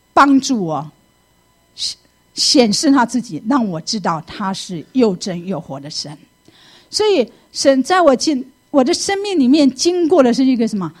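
A middle-aged woman, giving a lively personal faith testimony and acting out her own past thoughts. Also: sits high. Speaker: church member giving testimony.

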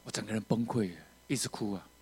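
A man preaching a testimony, telling his story with strong feeling, rising to loud outbursts and dropping to quiet moments. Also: fairly low pitch, fast, husky. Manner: emotional, animated storytelling with sudden loud outbursts and quiet drops. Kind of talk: sermon testimony.

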